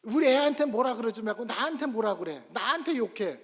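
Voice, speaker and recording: Man doing an earnest protective mother, fairly high voice, pleading tone, church echo. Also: lively intonation, a little fast. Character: protective middle-aged mother, calm and apologetic. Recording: long church reverb.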